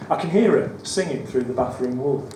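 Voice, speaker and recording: Reading poems at a live cabaret night in a studio theatre, a man with a croaky voice and a West Midlands accent keeps up wry, self-deprecating banter. His medium-pitched delivery is brisk with lively intonation, recorded from afar in a roomy space, with audible room noise and the audience around him.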